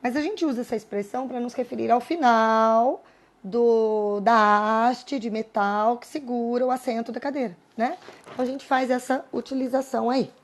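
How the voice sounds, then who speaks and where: A Brazilian woman teacher records a lesson for her class. Her voice sits a little high. She explains patiently and keeps checking in with her students through quick tag questions. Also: steady tone. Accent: Brazilian Portuguese.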